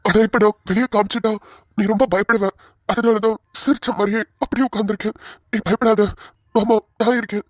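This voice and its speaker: A woman's voice: mid-range voice, fairly even intonation, fairly quick, no room sound, clean studio sound, lightly acted. A woman voicing a tender young husband who soothes his worried wife in a cartoon. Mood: soothing. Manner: gentle, pleading, calls her fondly.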